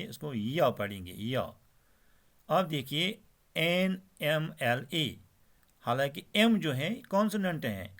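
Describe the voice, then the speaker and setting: Slow, patient male English teacher. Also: mid-range voice. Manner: patient, repeats example words slowly. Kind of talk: slow explanatory lesson.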